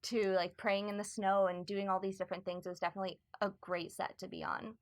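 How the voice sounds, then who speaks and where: A woman in her early twenties, an actress, chats during a live Q&A. She talks in a relaxed, chatty way with casual fillers, at a mid pitch. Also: fast talker. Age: 20s. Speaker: actress, guest. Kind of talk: live Q&A chat.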